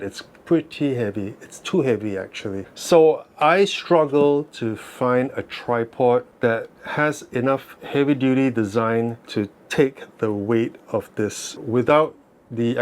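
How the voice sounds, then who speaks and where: A man's voice: medium pitch, a little mellow. A man whose articulation is slightly affected by wearing braces, explaining things casually in an unscripted review vlog and posing questions that he then answers. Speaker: amateur astronomy reviewer.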